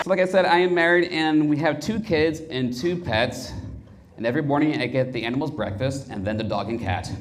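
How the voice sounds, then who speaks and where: Male stand-up comic, dry punchline delivery, live room with heavy crowd noise. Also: medium pitch. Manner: deadpan one-liners, quick dark punchlines. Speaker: stand-up comedian. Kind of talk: stand-up comedy set. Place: comedy stage before a live audience.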